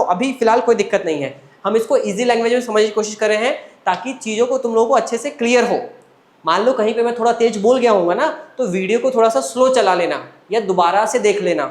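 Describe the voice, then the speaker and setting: A man's voice: high voice, reverberant. A male science teacher giving a lecture. He asks his students questions, answers them himself, and keeps repeating the point in a coaxing way. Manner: repetitive, coaxing, calls students children. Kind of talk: classroom lecture.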